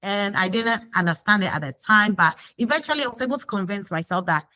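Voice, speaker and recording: A woman's voice: mid-range voice, lively intonation, fast, sharp tone, dry recording, poor audio. A woman from Ghana being interviewed, talking reflectively with frequent fillers and restarts. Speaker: guest. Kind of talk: conversational interview.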